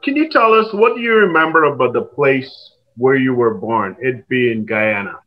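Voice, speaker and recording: A man's voice: medium pitch, expressive, moderate pace. Polite male host, dull lo-fi sound. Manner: polite, encouraging, brief affirmations. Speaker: interview host. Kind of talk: interview.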